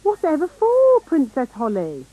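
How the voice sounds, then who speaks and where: A woman voicing a bossy, brisk fairy nanny in a children's cartoon, with a British accent and a haughty, theatrical manner. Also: high-pitched, wildly swooping pitch, warm tone, no echo, full character voice, rough recording. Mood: brisk, knowing. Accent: British English.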